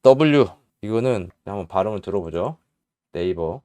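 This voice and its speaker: A man teaching English spelling in Korean, slowly spelling out letters and repeating each sound patiently. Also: fairly low pitch, expressive, a little mellow, dry recording. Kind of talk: casual spelling lesson.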